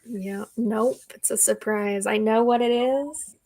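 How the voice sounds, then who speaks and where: Playful, teasing woman with a higher voice. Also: steady tone, slow pace, a little mellow. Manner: playful and teasing, laughs often. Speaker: co-host of a reading livestream. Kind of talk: casual chat. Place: at home.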